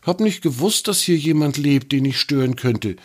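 A man's voice: a little high, animated, moderate pace, pitched above the performer's own voice. A man voicing a small, adventurous and polite male troll in a children's story, speaking in a raised, earnest voice. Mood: apologetic. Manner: earnest, apologetic.

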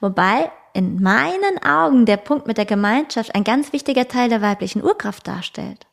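A woman hosting a podcast in a calm, reflective spiritual tone, speaking straight to the listener and sometimes dropping to a soft whisper. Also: a little high, vocal fry. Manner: calm, slow, addresses the listener directly, drops into soft whispers. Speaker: podcast host.

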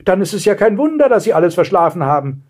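A man voicing a cheeky, excitable young girl who gushes and stammers, in a storybook reading. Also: sits high, moderate pace, pitched above the performer's own voice. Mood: excited. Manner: stammering, gushing.

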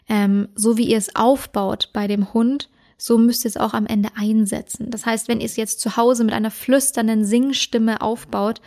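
Calm German-speaking woman explaining dog training. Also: on the high side. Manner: calm, explanatory, with frequent fillers and self-corrections. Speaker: dog trainer and podcast host. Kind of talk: casual instructional podcast talk.

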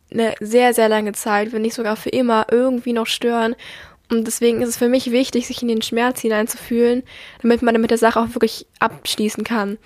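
In a confiding personal monologue, this young podcast host talks casually, sounding earnest, reflective, and a little subdued. She has a voice on the high side, and the studio-quality recording has no echo.

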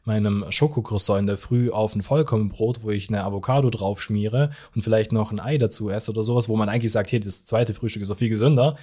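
A man co-hosting a podcast as a weight-loss coach, explaining in an energetic, emphatic way and speaking straight to the listener. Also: on the low side, fast talker, few pauses.

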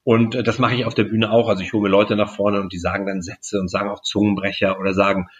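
A man being interviewed as a guest, explaining at length in a measured way with frequent fillers. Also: fairly low pitch, flat delivery, lo-fi sound. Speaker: guest speaker and magician. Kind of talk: podcast interview answers.

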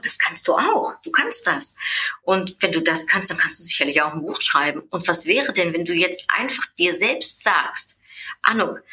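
A woman's voice: fairly low pitch, sharp tone. A woman from the Netherlands, hosting a casual motivational podcast and speaking enthusiastically and directly to the listener. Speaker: podcast host and author.

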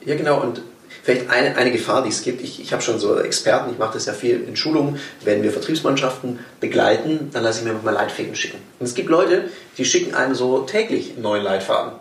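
A man's voice: mid-range voice, quick pace. Guy chatting about sales training, acts stuff out, kinda far from the mic, echoey room. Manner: lively, explains with acted-out examples. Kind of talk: casual podcast conversation.

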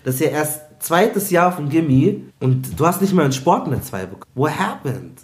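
A man's voice: on the high side, big pitch swings, normal speed. A young man co-hosting a podcast, reacting with exclamations and asking probing questions. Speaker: podcast co-host. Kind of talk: casual chat.

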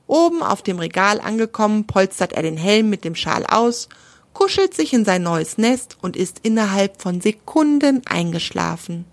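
A woman's voice: mid-range voice, sing-song, normal speed, dry recording. A woman narrating a children's animal story, stopping to explain words to young listeners.

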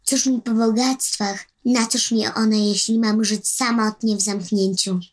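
A woman reading a storybook voices a sorrowful young captive girl who pleads in a high, plaintive voice. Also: level tone, measured pace, natural voice. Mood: pleading. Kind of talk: storybook narration.

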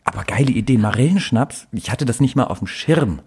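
A man's voice: mid-range voice, expressive, fairly quick, a little mellow, husky. Playful mock-formal young man. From northern Germany. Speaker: podcast co-host. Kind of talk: casual chat.

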